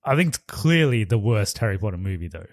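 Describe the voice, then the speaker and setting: On a casual movie review podcast, a male co-host rambles, hedges and laughs frequently while discussing films. He talks fast in a fairly low voice with big swings in pitch. The recording is dry and of studio quality.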